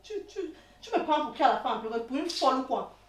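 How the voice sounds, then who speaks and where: A woman with a Cameroonian accent playing a jealous girlfriend who shouts and accuses in a comedy sketch. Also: high-pitched, expressive, a little fast. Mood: agitated. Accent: Cameroonian French. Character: jealous young woman, hotheaded and insistent. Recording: echoey room, mic far off.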